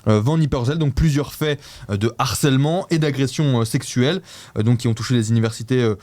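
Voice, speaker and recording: Man, news show host, casual recap, hesitant, restarts sentences, self-mocking, middle pitch. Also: fairly quick, a little mellow, no echo.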